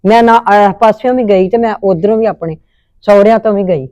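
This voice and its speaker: A woman's voice: mid-range voice, fairly quick, warm tone, dry recording. A woman with a Punjabi accent acting a scolding, indignant mother-in-law in a family drama.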